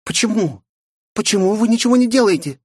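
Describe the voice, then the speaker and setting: A man's voice: sits high, expressive, a little fast, husky, no echo, voice pushed up. Audiobook figure: a scolding, sarcastic young woman, read by a man. Dry studio sound. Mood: alarmed. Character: sharp-tongued young woman sidekick, exasperated. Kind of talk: audiobook character voice.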